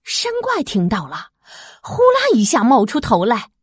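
A woman reading a children's storybook aloud, expressive and lively. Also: fairly high pitch, husky, no room sound, clean studio sound. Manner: slow, lively, expressive, sound effects.

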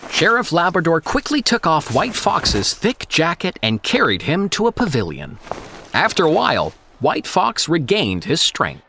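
A narrator telling a children's cartoon story in an expressive, dramatic way. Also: medium pitch, unhurried, slight background noise. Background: background music.

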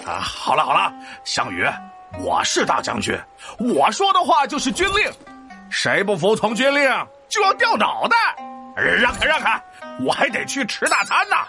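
A man's voice: high voice, wildly swooping pitch, normal speed, creaky, sharp tone, faint music behind, full character voice. A man voicing a pompous, greedy and cowardly army commander who brushes others aside. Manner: pompous, dismissive.

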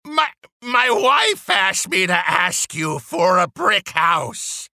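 Storybook old fisherman, meek and stammering, slow drawl, bright lively tone, woman acting it. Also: lowish voice, no echo, clean studio sound, exaggerated voice. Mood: timid. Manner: stammering, hesitant. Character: meek, timid old male fisherman, poor and kind. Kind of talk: children's audio storybook acting.

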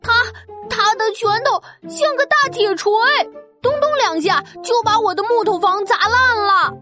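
Tiny, extremely high squeaky piglet. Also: female voice, animated, normal speed, music in the background. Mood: frightened. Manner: squeaky, childlike, exclamatory. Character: excitable little middle piglet, proud then scared. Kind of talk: children's audio story acting.

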